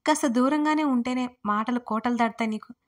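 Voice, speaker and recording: A woman's voice: on the high side, fairly quick, natural voice. A woman playing a smug teasing college rowdy. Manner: smug, teasing, sometimes whispering. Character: cocky teasing young male college rowdy.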